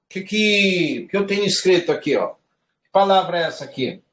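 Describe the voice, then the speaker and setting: A man's voice: high-pitched, lively intonation, a bit bright, reverberant. A man teaching a Hebrew lesson to a live class, explaining patiently and checking in with students by name. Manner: explains slowly, addresses students by name, frequent "tá?".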